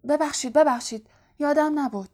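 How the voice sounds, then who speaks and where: A woman's voice: high-pitched, darkish tone, voice pushed up, lightly acted. Harry Potter, a woman doing a flustered boy. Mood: apologetic. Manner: flustered, apologetic. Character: flustered apologetic teenage boy wizard.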